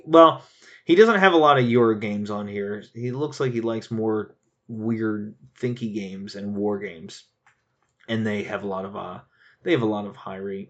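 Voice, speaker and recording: Guy rambling about board games, lots of laughs and restarts, kinda dull lo-fi sound. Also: lowish voice. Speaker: board game reviewer reading user reviews. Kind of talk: casual chat.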